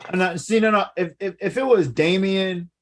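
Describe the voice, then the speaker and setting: A man in casual podcast conversation, his voice sitting a little high. He talks in a lively, rambling way and leans on "like" between thoughts. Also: moderate pace. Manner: animated, lots of "like" fillers. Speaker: podcast co-host. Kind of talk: casual wrestling chat.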